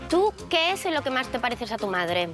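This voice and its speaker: A woman's voice: a little high, very animated, normal speed. A woman in casual chat with a playful, teasing manner. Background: loud background music.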